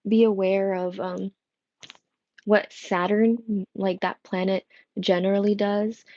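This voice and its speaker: Speaking slowly at a medium pitch with little movement in her voice, a young tarot reader rambles through a casual livestream chat, full of fillers and restarts. She sounds worn and strained. The recording, made on an earbud headset mic in a home room with a coffee machine, is dry and muffled.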